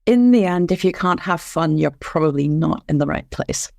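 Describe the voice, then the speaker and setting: A man's voice: a little high, expressive, moderate pace, gravelly, a little mellow, no echo, studio quality. A man hosting a podcast interview, upbeat and asking open questions. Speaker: podcast host.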